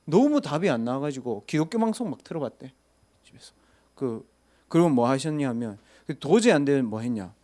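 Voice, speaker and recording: A man's voice: mid-range voice, big pitch swings, a little fast, warm tone. A man, a pastor telling a story in a casual sermon and asking listeners rhetorical questions. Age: 30s.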